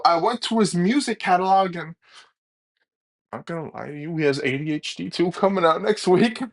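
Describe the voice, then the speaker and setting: A man hosting a reaction video, rambling with halting restarts and blunt opinions. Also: on the high side. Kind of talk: casual reaction commentary.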